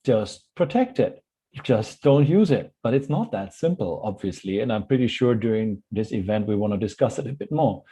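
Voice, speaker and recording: A man from Germany speaking on a webinar panel, thoughtful and unhurried, with frequent fillers. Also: on the low side, lively intonation, mellow, husky. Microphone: video call.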